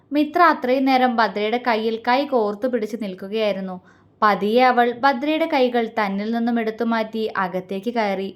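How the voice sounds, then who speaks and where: Woman calmly reading a love story. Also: a little high.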